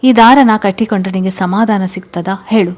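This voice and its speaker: A curt, brooding young husband in a spoken storybook, voiced by a woman narrator, speaking in short, probing questions. There is no real attempt at a deep male voice; it stays close to her own. The pitch is average. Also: steady tone, normal speed, a little mellow, close to an everyday voice.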